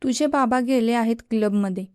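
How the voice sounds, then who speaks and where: A stern middle-aged mother scolds in a spoken storybook, voiced by a woman reader. The tone is warm and smooth, heard close and dry. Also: fairly high pitch, moderate pace, dry recording, natural voice. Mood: scolding.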